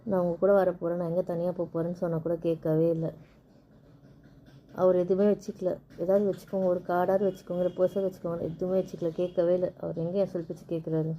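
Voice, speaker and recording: A woman's voice: on the low side, little pitch movement, fast talker, muffled recording, a little hiss or hum, close to an everyday voice. A woman playing a young wife who pleads with and coaxes her sulking husband in a family skit, then turns indignant. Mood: earnest.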